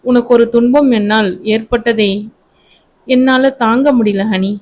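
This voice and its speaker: Brief: remorseful young husband in a read-aloud romance, voiced by a woman narrator, slow and earnest. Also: on the high side, fairly even intonation, a little mellow, a little hiss or hum, lightly acted. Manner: pleading, guilt-ridden.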